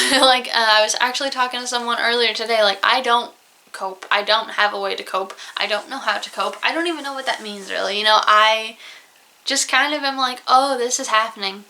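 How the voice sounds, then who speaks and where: A woman's voice: fairly high pitch, bright, forceful tone. A young woman with a Southern US accent, talking openly to camera in a personal vlog about a hard year. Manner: open, emotional, close to tears at times. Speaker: vlogger. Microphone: camera mic, alone at home.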